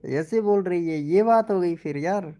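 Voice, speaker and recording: A man's voice: high voice, a little slow, mellow. Chatty young man hosting a live stream. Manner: chatty, teasing, repeats phrases, addresses viewers by name. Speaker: live stream host promoting channels. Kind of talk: casual live-stream chat, reading viewer comments.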